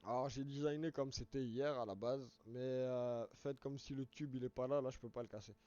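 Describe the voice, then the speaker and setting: Man, hoarse, live game streamer, rambling explanations, dark warm tone, muffled lo-fi audio. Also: medium pitch, fairly even intonation, fairly quick. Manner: rambling, restarts words, explains step by step.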